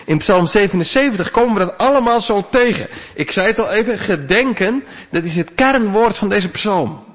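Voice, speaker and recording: A man preaching a sermon, earnest, rising to loud pleas and dropping to quiet asides. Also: high voice, expressive, moderate pace. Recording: long church reverb.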